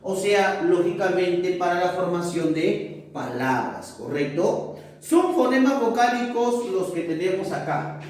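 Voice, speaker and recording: A male teacher giving a classroom lesson, often checking in with tag questions and pausing with fillers. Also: high-pitched, expressive. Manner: hesitant, with many fillers. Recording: echoey room, far from mic.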